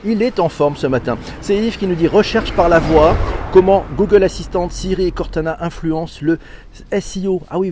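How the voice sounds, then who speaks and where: Podcast host, male, mellow tone, chatty and animated, laughs often. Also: on the high side, slight background noise. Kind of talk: casual chat reading listener messages.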